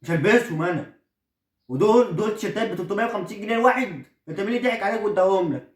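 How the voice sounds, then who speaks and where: A man's voice: sits high, racing, lightly acted. A man with an Egyptian accent playing an indignant teenage son in a comedy sketch, scornfully refusing the clothes he was given. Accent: Egyptian Arabic. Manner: outraged, scornful protests. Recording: roomy echo, voice far from the mic.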